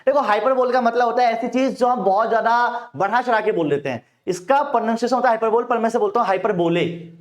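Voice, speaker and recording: A man's voice: very high voice, fast, few pauses. A man with an Indian accent teaching English poetry in a Hindi-English mix, asking questions and answering them himself. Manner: calls students "bhaiya". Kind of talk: Hinglish exam-prep lecture.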